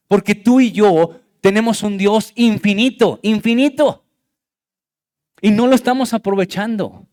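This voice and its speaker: A male pastor preaching a fervent sermon in a church, speaking directly to his congregation with a Mexican Spanish accent. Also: high-pitched. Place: church sanctuary.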